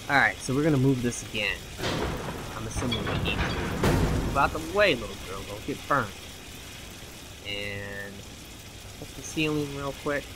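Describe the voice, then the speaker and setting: A young man doing let's play commentary, excitable and swearing at the game, his voice going hoarse. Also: medium pitch, noisy background. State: losing his voice. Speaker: gaming channel host.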